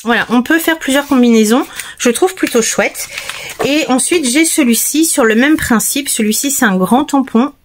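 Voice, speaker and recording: Woman, casual crafting tutorial, chatty, relaxed, hesitant fillers, slightly high voice. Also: moderate pace, noisy background. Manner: chatty and relaxed, speaks straight to viewers, many hesitations. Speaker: paper crafter showing her materials.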